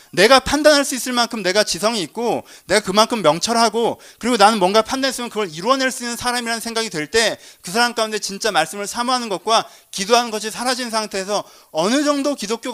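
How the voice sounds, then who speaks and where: A man's voice: high voice, a bit bright. A male pastor giving a conversational sermon in a church, asking the congregation questions and joking with them.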